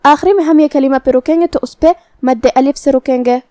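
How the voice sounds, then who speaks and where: A woman teaches Quran recitation in a clear, high voice. She goes through each letter and rule step by step, patiently and methodically. The sound is dry and close, with no room echo. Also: dark tone. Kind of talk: tajweed lesson, explaining then reciting slowly.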